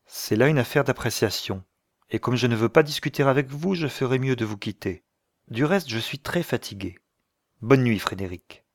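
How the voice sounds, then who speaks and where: A man reading the part of an earnest young woman who speaks gently and pleads for peace. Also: medium pitch, normal speed, dry recording, studio quality, close to an everyday voice. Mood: firm.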